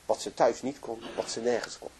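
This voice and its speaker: A man's voice: mid-range voice, fairly even intonation, a little fast, a little mellow, slight background noise. A man telling a moving story in a religious lecture, narrating with emotion and frequent restarts. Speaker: religious speaker.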